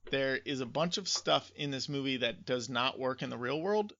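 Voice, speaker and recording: Expressive and a bit bright, a man's medium-pitched voice moves at normal speed with a little hiss or hum underneath. Co-hosting a casual podcast on video game movies, he gives emphatic, informal takes in a close yet slightly dull recording.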